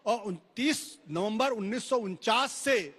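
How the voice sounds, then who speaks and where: A man arguing forcefully as a panelist in a heated political debate, speaking over others. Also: high voice, expressive, takes it slowly, breathy edge, big-room sound.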